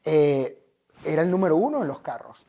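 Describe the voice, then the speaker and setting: A man's voice: fairly high pitch, sing-song, normal speed, creaky, warm tone. A Venezuelan man, a life coach, telling his story in an interview in an earnest, emphatic, motivational way.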